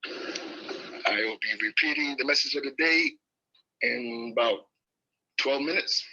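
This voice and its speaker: A man's voice: mid-range voice, slow, sharp tone, a little hiss or hum. A man acting as net control on a two-way radio, speaking in formal radio procedure and spelling letters phonetically. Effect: heard over a two-way radio link. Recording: lo-fi radio audio.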